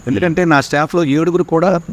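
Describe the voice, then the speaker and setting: Man, fast-paced, fervent testimony, acts out his prayers, interview guest. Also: on the high side, fairly even intonation. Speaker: songwriter guest.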